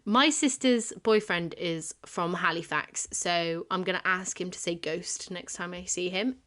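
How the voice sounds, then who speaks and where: A woman's voice: lowish voice, unhurried, fairly bright tone. Tired, giggly Bristolian woman podcaster. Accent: Bristolian English. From Bristol, England. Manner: chatty, giggly, self-deprecating asides. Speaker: podcast co-host. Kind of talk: casual chat, presenting folklore research.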